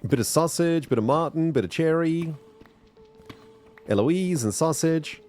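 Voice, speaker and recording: A man with a South African accent streams a game and chats casually with viewers, rambling and speaking to chat directly. His voice sits on the high side, expressive and unhurried with a darkish tone, and faint music plays behind him.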